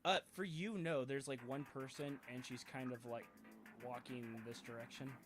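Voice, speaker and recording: A man narrating a tabletop game as game master, halting and full of fillers and restarts. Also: medium pitch, fairly even intonation, over loud music. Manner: hesitant, many fillers and restarts.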